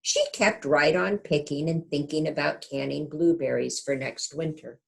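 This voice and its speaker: With a deep, gravelly voice, a woman reads a storybook aloud to young children like an expressive teacher, stopping now and then to check in with her listeners.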